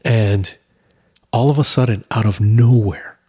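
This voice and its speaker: A man co-hosting a casual podcast, excitable, often repeating his words as he tells a story. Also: on the low side, measured pace, husky. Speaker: podcast co-host. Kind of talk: casual chat.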